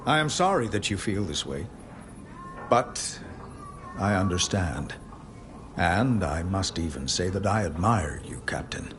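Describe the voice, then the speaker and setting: An actor playing a mysterious hooded stranger in a video game, a dutiful guard who speaks in a guarded, formal, courteous way. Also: male voice, low voice, big pitch swings, unhurried, pauses often. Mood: respectful, resigned. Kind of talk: video game dialogue acting. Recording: clear background noise and ambience.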